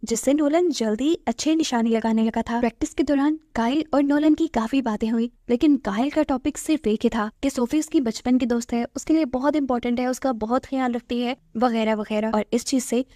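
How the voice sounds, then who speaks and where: A woman with a Hindustani accent retelling a film's plot in steady, brisk scripted narration, with Urdu words mixed in. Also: fairly high pitch, no room sound, studio quality. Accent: Hindustani (Hindi-Urdu). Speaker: movie recap narrator.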